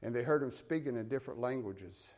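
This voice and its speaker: A man from the American South preaches a sermon with a Southern accent, reading scripture aloud and explaining it in a plain-spoken, folksy manner. His voice is mid-range and a little mellow, and he speaks a little fast.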